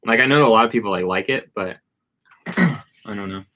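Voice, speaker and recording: Relaxed man chatting on a livestream. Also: lowish voice, normal speed, slight background noise. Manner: rambling, greets chat viewers by name. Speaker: livestream co-host. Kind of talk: casual livestream chat.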